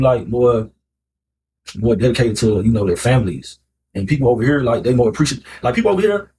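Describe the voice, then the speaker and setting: Heard on a low-quality recording with slight background noise, a thirtysomething American man from Miami talks to camera about a relationship. His voice is mid-range and dark-toned, and he chats loosely and colloquially, constantly saying "you know" and "like."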